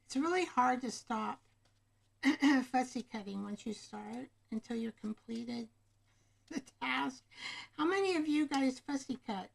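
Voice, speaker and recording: A woman with a high, creaky voice and lively intonation takes her time as she hosts a casual craft livestream. Rambling and chatty, she talks straight to her viewers, often by name. She is recorded on a camera microphone.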